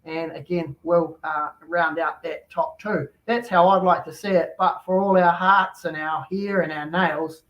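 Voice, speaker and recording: A man hosts a casual chat in an easygoing, matey manner. His voice sits quite high for a man. The recording sounds dull and lo-fi. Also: steady tone, a little slow, hardly any pauses. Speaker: host.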